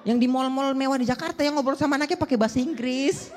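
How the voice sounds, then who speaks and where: A male stand-up comic talks to the crowd in a quick, self-mocking way. His voice sits high for a man, and a long echo of a big hall trails each line. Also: a little mellow. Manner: chatty, self-mocking storytelling. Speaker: stand-up comedian. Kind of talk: stand-up comedy. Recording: echoey hall.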